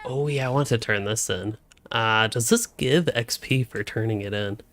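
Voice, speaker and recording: A young man streaming a game from home talks casually and thinks aloud into a desk mic, hiccuping throughout. His voice is fairly low-pitched and a bit bright, moving at a moderate pace.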